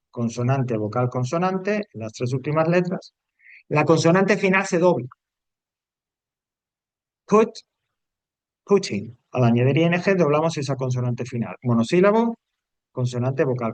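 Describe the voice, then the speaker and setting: A man's voice: on the high side, expressive, measured pace, long pauses, dry recording. Male teacher, patient and repetitive, dry close sound. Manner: explains step by step, repeats rules, checks in with "¿vale?". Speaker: English teacher. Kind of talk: classroom grammar lesson.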